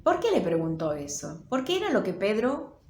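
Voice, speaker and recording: A woman's voice: mid-range voice, wildly swooping pitch, normal speed, darkish tone. A woman pastor with a Rioplatense Spanish accent, preaching in a storytelling way with rhetorical questions. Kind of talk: sermon. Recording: roomy with faint noise.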